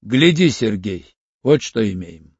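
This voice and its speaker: A man's voice: medium pitch, very animated, slow pace, darkish tone, husky, no echo, lo-fi sound, exaggerated voice. A man voicing Mishka, a hardened male ex-convict who talks bluntly and in clipped phrases, in an audiobook. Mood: hard, curt. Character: tough hardened male ex-convict, curt and cool.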